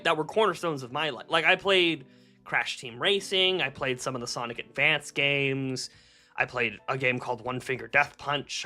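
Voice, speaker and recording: Lively, laughing streamer chatting with viewers. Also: mid-range voice. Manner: laughs often, swears freely, rambling self-corrections. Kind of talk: casual live-stream chat, reading chat aloud.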